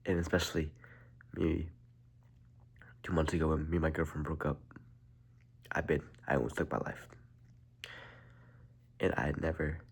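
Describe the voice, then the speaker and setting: A teenage boy speaks into the camera with a blocked nose from a cold. His voice sits very low and gravelly, with a husky edge. He talks haltingly and softly, often slipping into a near whisper. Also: level tone. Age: teens. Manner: halting, soft-spoken, drifts into a whisper. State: congested from a cold. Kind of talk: casual video monologue.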